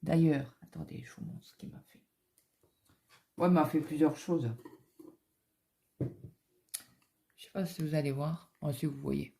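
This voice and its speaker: Woman, middle-aged, dark warm tone, rambling casual chat, home office. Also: low voice, fairly even intonation, measured pace, vocal fry, long pauses, breathy edge. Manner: rambling anecdotal storytelling with many fillers. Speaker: cross-stitch vlogger. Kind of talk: casual chat while stitching.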